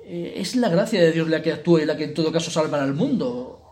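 Fast-talking Spanish man giving a retreat talk. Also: on the high side, expressive, a little mellow. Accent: Spain. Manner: colloquial, full of rhetorical questions and tag words. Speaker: retreat leader.

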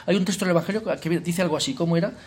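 Leading a retreat, this talkative man speaks very fast in a high voice with fairly even intonation. His informal spiritual talk is peppered with "¿eh?" and "¿no?" plus the occasional joke on the side.

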